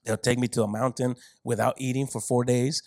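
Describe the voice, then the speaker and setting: Brief: male preacher, lively sermon, playful humor, close dry mic. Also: a little fast, dry recording, poor audio. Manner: animated, joking asides, laughs often, big swings in pitch and loudness.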